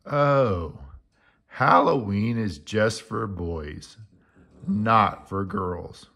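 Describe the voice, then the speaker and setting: A man's voice: fairly low pitch, extremely slow, creaky, fairly bright tone, full character voice. A man reading aloud as Morris, a naive, easily scared male friend who loves candy. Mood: worried. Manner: wide-eyed and easily scared.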